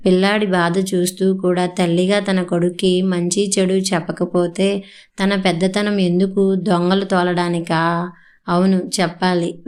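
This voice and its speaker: Woman audiobook narrator, low smooth voice, steady scripted reading.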